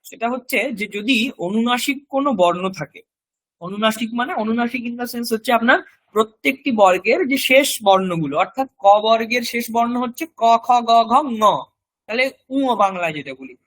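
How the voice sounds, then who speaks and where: A man, teaching a recorded language class. He explains step by step and repeats example words slowly so students can copy them. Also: extremely high pitch, expressive, a bit bright.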